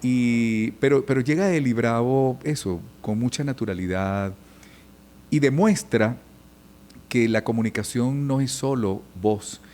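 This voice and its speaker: A man's voice: medium pitch, unhurried. A middle-aged man, a journalist and radio announcer, telling stories in a conversational podcast interview. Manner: storytelling, animated, imitates old radio announcers.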